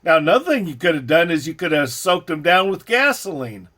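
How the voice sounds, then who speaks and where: A man's voice: a little high, big pitch swings, fairly quick, sharp tone. A man hosting a reaction video, commenting on a clip in a blunt, scornful, lecturing way.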